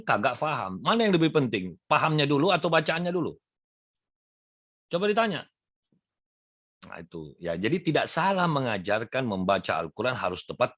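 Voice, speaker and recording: A man preaching a religious sermon, lively, acting out the questions of listeners. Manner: lively, swings pitch up and down, acts out quoted listeners. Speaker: preacher and motivator.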